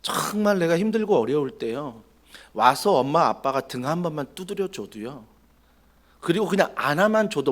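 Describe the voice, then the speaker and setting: Animated male preacher, high voice. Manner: dramatic, acts out quoted dialogue, asks the congregation questions. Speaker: pastor. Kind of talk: sermon. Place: church.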